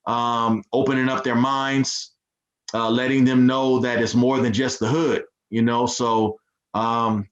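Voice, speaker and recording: A man speaking as a podcast guest in a relaxed, laid-back way, with lots of fillers. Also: medium pitch. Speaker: guest, nonprofit founder. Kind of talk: casual interview chat. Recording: dull lo-fi sound.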